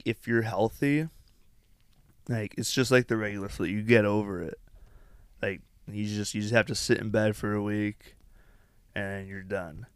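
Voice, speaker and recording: A man's voice: fairly low pitch, clean tone, dry recording, studio quality. A man chatting casually as a podcast co-host, explaining things in a rambling way and peppering his sentences with "like". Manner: says "like" a lot. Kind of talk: casual chat.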